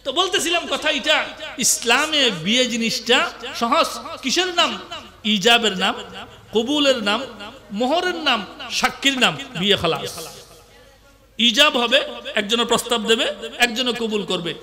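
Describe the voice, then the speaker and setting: A man from Bangladesh preaching an Islamic sermon, telling a story with animated bursts of laughter and shouting. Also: very high voice, measured pace, pauses often, big-room sound.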